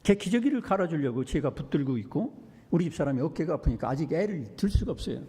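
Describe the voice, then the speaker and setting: An older man, preaching a sermon as a pastor, swinging between hushed and emphatic storytelling. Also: a little high, sing-song, fast, big-room sound. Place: church.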